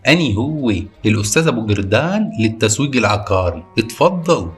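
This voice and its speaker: A man's voice: mid-range voice, sing-song, fairly quick, faint music behind, voice pushed down, natural voice. A man playing a pompous nosy village estate agent. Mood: smug. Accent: Egyptian. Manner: self-important, prying, calls the client engineer.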